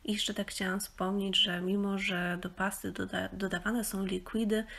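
A young woman from Poland talks through a craft tutorial in a relaxed, explanatory voice-over. Her pitch sits in the middle range, and she often pauses on small fillers while she thinks. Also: gravelly. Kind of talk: casual instructional voice-over.

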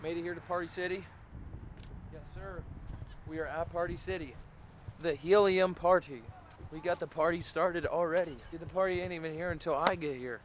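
Mostly filmed inside a big party store, this young American vlogger jokes casually to the camera in playful, bragging slang. He speaks at a moderate pace in a fairly high, steady voice, with faint music behind him.

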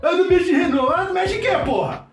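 A man playing a shouting Rio mechanic. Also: very high voice, lively intonation, very fast. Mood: boisterous. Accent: Carioca. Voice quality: shouting, swearing constantly, rambling. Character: loud brash slangy male mechanic, middle-aged. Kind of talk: comedy sketch monologue. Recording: echoey room, distant mic, faint music.

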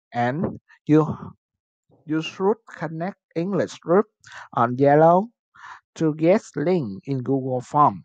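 Slow-paced Vietnamese male English teacher. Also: on the high side, a little mellow, highs cut off. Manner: slow, repeats words for students to echo. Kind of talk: bilingual online lesson, drilling vocabulary.

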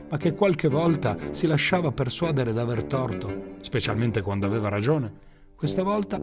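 A man reading a children's story aloud in a lively, theatrical storytelling manner. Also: mid-range voice. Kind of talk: scripted story narration. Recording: music bed under narration.

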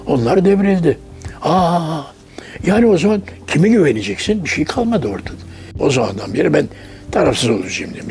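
An elderly man in his nineties, from Turkey, speaks in a documentary interview. His voice sits high for a man and carries a gravelly fry as he acts out the dialogue of the people in his stories. Soft music plays faintly behind him. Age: 90s. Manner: anecdotal storyteller who acts out quoted dialogue. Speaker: interviewee recalling his life.

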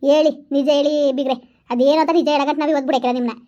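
A woman putting on a bossy village neighbor in a comedy skit, firmly hushing and lecturing. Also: high voice, fairly even intonation, rapid-fire, muffled recording, voice pushed down, lightly acted.

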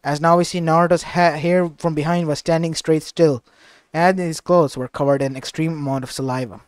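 A man reading a fan fiction story aloud in a halting, informal way. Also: on the high side, steady tone, clear, resonant tone, no echo.

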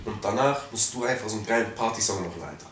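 A man's voice: on the low side, very fast, a bit bright. A man in his twenties chatting casually in youth slang in a living room. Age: 20s. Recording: roomy, distant mic, faint noise.

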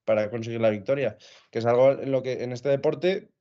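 A man's voice: mid-range voice, fairly quick. A man on a sports panel, arguing heatedly and swearing freely. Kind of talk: casual sports talk show. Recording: dull lo-fi video call audio.

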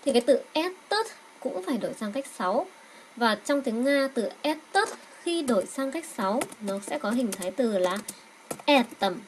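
A woman with Vietnamese as her first language teaching a Russian grammar lesson, saying words slowly and repeating them so learners can echo. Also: fairly high pitch, lively intonation, a little hiss or hum.

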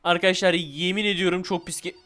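A man with a Turkish accent gives excitable horror-game commentary, his voice clear and smooth. He jumps between loud alarm and hushed mutters, calling out to his viewers as he plays alone at home. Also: high-pitched. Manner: jumpy, exclamatory, keeps calling viewers "abi"; translates in-game notes aloud in halting English and Turkish. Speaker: gaming YouTuber. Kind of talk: Let's Play commentary.

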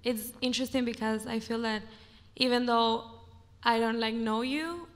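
A woman's voice: fairly high pitch, fairly even intonation, normal speed. A woman from Ecuador, an audience member asking a long, earnest question full of hesitations. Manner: earnest, hesitant, many "you know" and "like". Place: large auditorium audience. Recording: hall reverb in a large auditorium.

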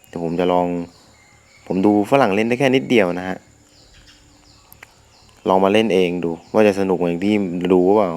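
A young gaming host speaks in a low voice at normal speed, pausing often. Nursing a sore throat that prevents shouting, he keeps up crude, excitable, casual commentary as he plays, frequently talking to himself.

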